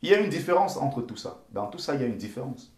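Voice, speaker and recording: A man's voice: medium pitch, sing-song, quick pace, echoey room. A man from Cameroon with a Bamileke accent, giving impassioned live-stream commentary. He talks emphatically, repeats himself and pleads with his viewers.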